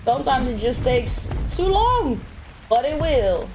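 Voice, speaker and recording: A woman's voice: high voice, very animated, a little slow. A young woman streaming a game from home, chatting casually with her viewers and swearing now and then. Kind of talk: casual live-stream chat while gaming. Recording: rain noise behind the voice.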